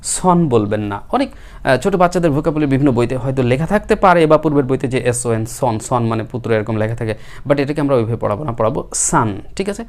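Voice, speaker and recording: A male teacher giving a spoken English lesson, who patiently repeats words slowly for learners. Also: mid-range voice, lively intonation, a little mellow.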